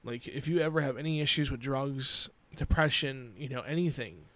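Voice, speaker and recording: A man in his twenties hosting a solo podcast, earnest and emotional, talking haltingly with many restarts. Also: mid-range voice, a bit bright, dry recording. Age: 20s. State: emotional, near tears. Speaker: podcast host. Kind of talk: personal solo podcast talk.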